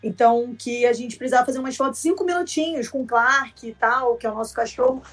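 Podcast host lady, chatty, talks right to listeners, husky voice, a bit far from the mic. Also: a little high, fast talker. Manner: chatty, addresses listeners directly. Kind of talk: casual storytelling chat.

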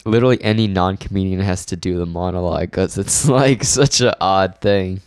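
Laid-back young man, low, dry sound. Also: a little fast, clear, resonant tone, no room sound. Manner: laid-back, joking, trails off quietly. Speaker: guest. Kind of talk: casual chat.

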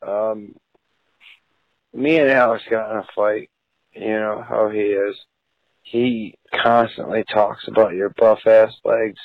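A man's voice: lowish voice, level tone, takes it slowly, long pauses, no room sound. Drunk male caller over a landline phone, rambling and crude, muffled lo-fi sound with a dry, close feel. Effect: heard over a phone line as a voicemail. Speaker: voicemail caller. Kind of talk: phoned-in voicemail rant. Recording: dull lo-fi phone voicemail.

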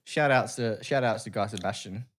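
A man's voice: on the low side, moderate pace, fairly bright tone. An Australian man in his thirties co-hosting a podcast in casual banter, joking and swearing with plenty of slang. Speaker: podcast co-host.

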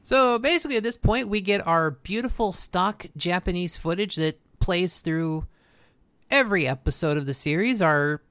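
A podcast co-host recapping an episode in casual, informal and animated storytelling. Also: mid-range voice, moderate pace, clean tone, dry recording.

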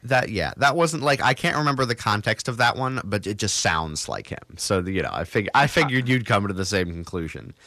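A man's voice: on the low side, animated, a little fast, few pauses, pushed and bright, no room sound, clean studio sound. A young man hosting a college radio show, chatting casually and telling stories in a rambling, self-correcting way. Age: young adult.

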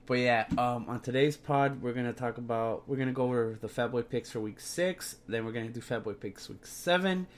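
A man's voice: medium pitch, fairly quick, few pauses. A young man talking sports on a solo podcast in a brash, slangy, sweary frat-bro manner, sounding sick and tired.

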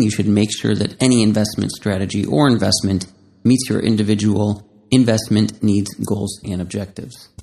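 A man reading a scripted legal disclaimer in a steady, flat way. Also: on the low side, vocal fry. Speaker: disclaimer announcer.

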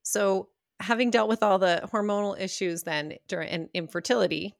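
A woman's voice: mid-range voice, moderate pace, vocal fry, no room sound, studio quality. A woman in her forties hosting a podcast, chatting casually and asking reflective questions. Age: 40s. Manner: warm, reflective, asks open questions. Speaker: podcast host. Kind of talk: casual interview conversation.

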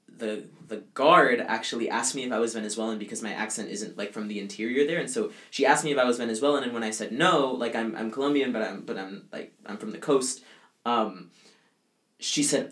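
This college student, a young adult man, answers interview questions in a medium-pitched, slightly bright voice that moves fairly quickly. He speaks casually, with many fillers like "like" and "um" and frequent restarts.

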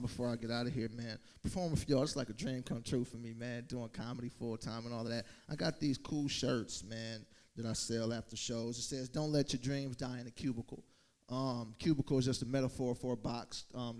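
A man doing casual stand-up comedy, chatting informally and directly to the crowd. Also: mid-range voice.

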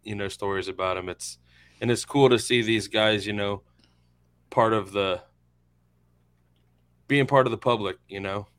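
A man's voice: lowish voice, fairly even intonation, normal speed, long pauses, a bit bright, smooth. A man in his thirties from central Florida with an American accent, chatting casually about sports as a panelist. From central Florida, USA. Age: 30s.

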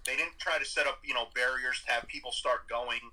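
A man telling a story in casual chat, animated and swearing freely. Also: medium pitch, brisk, background noise.

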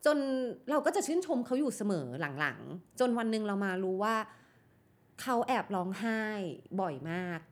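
A woman's voice: mid-range voice, very animated, normal speed. A woman guest on a podcast, telling candid stories about her work in a casual way and mixing in English words. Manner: acts out her past strict voice when quoting herself. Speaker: guest artist.

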